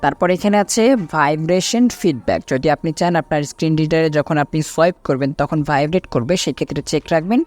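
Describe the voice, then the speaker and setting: A man presenting a step-by-step software tutorial in an instructional way, repeating each item and then explaining it. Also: a little high, fast, hardly any pauses, faint music behind.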